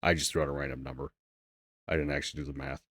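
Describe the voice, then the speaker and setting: A man's voice: extremely low pitch, level tone, very fast, a bit bright, no echo, studio quality. A man co-hosting a podcast in loose, casual chat, swearing freely and rambling. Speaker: podcast co-host.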